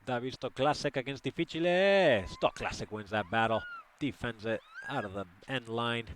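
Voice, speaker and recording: A man's voice: medium pitch, moderate pace, a bit bright, slight background noise. A man doing live play-by-play commentary, chatty and partisan, joking with listeners as the action unfolds.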